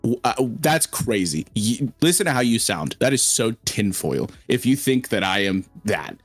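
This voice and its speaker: A man in a casual podcast chat, teasing and wordy, halting as he builds long arguments. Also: fairly low pitch, big pitch swings, no room sound, soft background music. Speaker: podcast co-host. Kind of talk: casual chat, mock debating.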